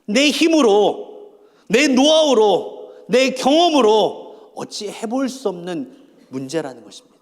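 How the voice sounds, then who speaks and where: A pastor with a high voice preaches a sermon in a church hall, very animated and slow, asking rhetorical questions and calling on listeners to repeat after him. A long church-hall reverb surrounds his voice.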